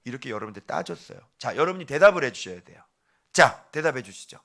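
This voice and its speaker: A middle-aged male pastor giving a morning devotional sermon, animated and questioning his listeners directly, then dropping to a hushed, slow voice for key words. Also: medium pitch, vocal fry. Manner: animated, quizzes the congregation directly.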